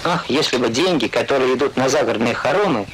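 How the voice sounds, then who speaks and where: A man's voice: medium pitch, lively intonation, background noise. Man narrating an old 1980s documentary. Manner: measured and dryly ironic. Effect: old 1980s documentary film narration.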